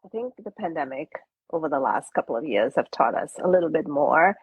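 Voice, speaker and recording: A woman's voice: sits low, expressive, brisk, husky, no room sound, phone-quality sound. A woman real estate agent hosting a casual interview, chatty and full of fillers and restarts.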